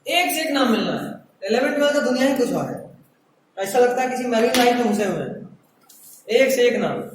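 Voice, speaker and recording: A man's voice: very high-pitched, expressive, fairly quick, recorded from a distance. This is a man, teaching a chemistry class in a chatty, joking way and putting questions to his students. His voice rings around a very echoey classroom, picked up by a mic placed well away from him. A faint hiss of noise sits underneath.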